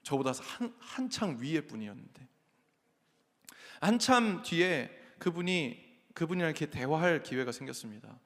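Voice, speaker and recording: Gravelly pastor in echoey sanctuary. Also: male voice, fairly high pitch, expressive, normal speed. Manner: earnest storytelling, acts out quoted lines. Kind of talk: sermon. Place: large church sanctuary. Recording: echoey sanctuary with long reverb.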